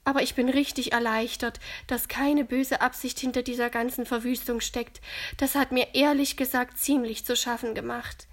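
Woman doing a relieved, grateful lady, warm and chatty. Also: fairly high pitch, flat delivery, normal speed, natural voice. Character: relieved grown woman, community hall keeper.

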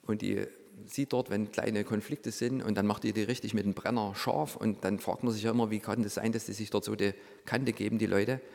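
This former reality show contestant, a middle-aged Saxon, speaks in a gravelly, lowish voice at a fairly quick clip. Recounting a personal story in a big hall, he plays out the quoted dialogue with energy and sometimes sinks into a whisper.

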